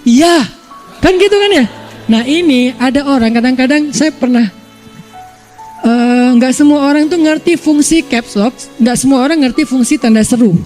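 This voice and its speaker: A man's voice: very high voice, moderate pace, a little mellow, faint music behind. A male Indonesian preacher giving a casual, playful religious talk, acting out everyday examples.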